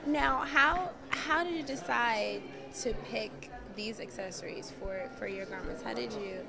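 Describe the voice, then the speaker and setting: A woman's voice: a little high, a little slow, gravelly, music in the background. A young woman hosting a red-carpet fashion interview, upbeat and affirming, speaking into a handheld mic at a hotel event. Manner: upbeat, affirming, laughs often. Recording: crowd noise behind. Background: crowd chatter.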